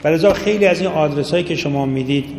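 A man's voice: on the high side, darkish tone, a little hiss or hum. A middle-aged man teaching a seminary jurisprudence class, talking casually and addressing his students directly. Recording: echoey hall with long reverb, faint ambience.

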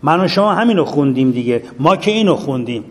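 Man teaching a class with a slightly high voice, engaging the room with questions; recorded with long hall reverb. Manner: lively, asks the class questions. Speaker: seminary teacher. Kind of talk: classroom lecture.

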